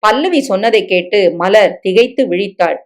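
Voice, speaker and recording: A woman narrating a scripted story reading with steady, even delivery. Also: mid-range voice, moderate pace.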